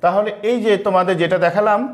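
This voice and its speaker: High-voiced man teaching slowly. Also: steady tone. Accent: Bangladeshi Bengali. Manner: slow, repeats key terms, asks and answers his own questions. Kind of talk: online grammar lesson.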